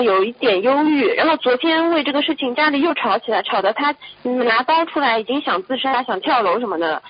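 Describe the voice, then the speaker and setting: A woman calling in to politely ask for advice on behalf of a fellow practitioner. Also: high-pitched. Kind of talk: call-in question. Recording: dull lo-fi audio.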